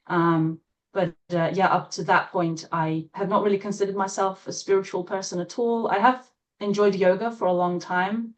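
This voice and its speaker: A woman from Latvia, a guest in an interview, speaking in a thoughtful, hesitant way with many fillers and soft laughs. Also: fairly low pitch. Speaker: interview guest, trauma-informed coach. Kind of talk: casual interview chat.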